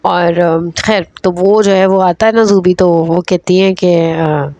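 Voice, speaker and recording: A woman's voice: fairly low pitch, steady tone, dark tone, no echo. A woman casually recapping drama episodes as a reviewer, chatty and hesitant with many fillers.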